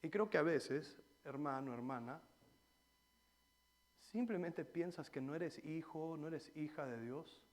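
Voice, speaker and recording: A man preaching a sermon in church, swinging between loud exhortation and quiet personal stories. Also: fairly high pitch, unhurried. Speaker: pastor.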